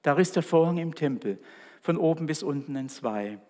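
A man preaching a Good Friday sermon and reading scripture in a solemn, slow, deliberate way with weighty pauses. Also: a little high, expressive, dark tone. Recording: long church reverb.

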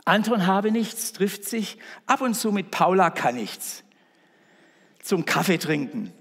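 Male preacher, sermon in a church, emphatic, repeats key words, slow delivery, long echoey reverb. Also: high voice, sing-song, vocal fry, a bit bright, husky.

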